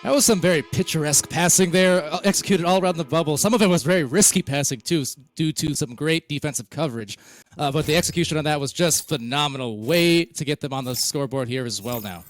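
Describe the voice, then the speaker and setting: A man's voice: on the high side, fast talker, faint music behind, poor audio. A man doing color commentary on a live esports stream, rambling and self-deprecating in his banter.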